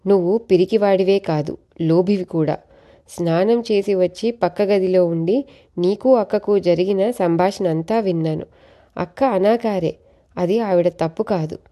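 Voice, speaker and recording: A woman's voice: on the low side, mellow, close to an everyday voice. A woman voicing a bold, clever young woman in a storybook tale, who teases and scolds with confidence. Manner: teasing, scolding.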